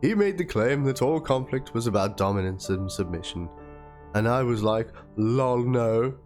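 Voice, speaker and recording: With instrumental music running under the recording, a man narrates a written document and chat messages in a dramatic, theatrical style. His voice is medium-pitched with a darkish tone, and he moves at a moderate pace with lively intonation.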